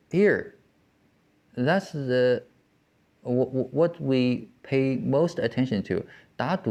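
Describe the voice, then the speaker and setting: A man teaching Mandarin tones, explaining slowly with frequent restarts and pauses. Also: medium pitch, a little mellow. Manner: halting, with many restarts and fillers. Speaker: Chinese language teacher. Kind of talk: slow explanatory lesson.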